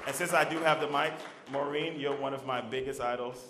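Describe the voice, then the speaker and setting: A man's voice: medium pitch, steady tone, a little fast, crowd noise, background noise. A man giving formal, earnest remarks at an awards ceremony. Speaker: government official giving remarks. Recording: echoey banquet hall.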